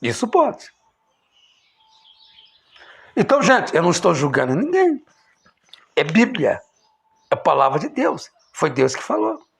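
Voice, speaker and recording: A man preaching an impassioned sermon, emphatic, swinging between loud exclamations and low, quiet lines. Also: wildly swooping pitch, unhurried, gravelly, pauses often.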